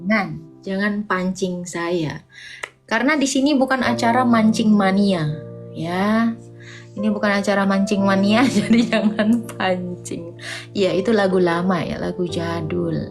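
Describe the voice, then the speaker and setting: Over background music, a woman with a mid-range voice hosts a casual livestream debate at a measured pace. She teases and mocks her viewers with sing-song rhetorical questions.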